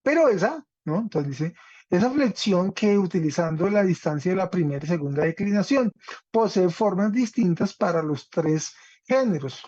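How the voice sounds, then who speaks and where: A man's voice: high voice, lively intonation, normal speed, a little mellow, husky, dry recording. A man teaching a Greek class online, explaining step by step and often checking in with his students. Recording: dull, dry lo-fi audio.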